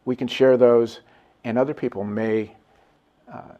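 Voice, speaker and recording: A man's voice: medium pitch, steady tone, a little slow, mellow, dull audio. A man, a guest, telling an earnest and reflective story in casual talk.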